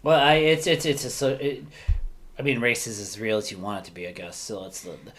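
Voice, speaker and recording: Rambling man with a low voice. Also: fairly even intonation, brisk, fairly bright tone. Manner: rambling, self-correcting, thinking aloud. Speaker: podcast co-host. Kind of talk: casual podcast discussion.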